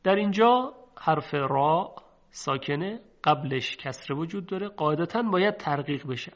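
A male teacher explains step by step in a calm, patient lesson. His voice sits a little high, and he draws out each example word slowly and carefully. The sound is dull and lo-fi. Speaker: recitation teacher. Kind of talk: spoken lesson with slow recited examples. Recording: dull lo-fi recording.

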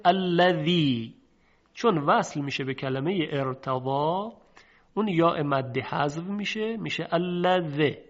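A male teacher explains step by step in a calm, patient lesson. His voice sits a little high, and he draws out each example word slowly and carefully. The sound is dull and lo-fi. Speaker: recitation teacher. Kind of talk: spoken lesson with slow recited examples. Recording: dull lo-fi recording.

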